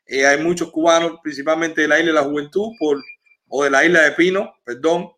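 A man's voice: on the high side, fairly even intonation, brisk, fairly bright tone. A man from Cuba hosting a livestream, giving the viewers an earnest update. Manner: earnest, informative, frequent "eh" fillers. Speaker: livestream host.

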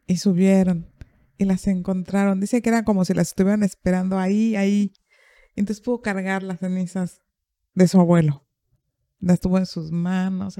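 A woman's voice: medium pitch, dark tone, dry recording. A woman, a therapist hosting a podcast, telling a story in conversation and acting out the quoted dialogue.

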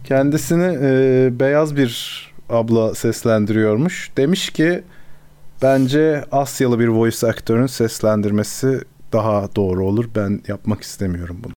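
Mellow-voiced man hosting a podcast. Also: mid-range voice, unhurried. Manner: leads topics, opinionated. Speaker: podcast host. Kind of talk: casual podcast chat.

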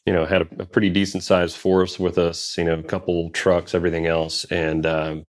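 Speaking at a normal pace in a low voice with little pitch movement, a Special Forces veteran shares stories from his service. It's a casual interview, and his telling wanders, full of fillers and restarts.

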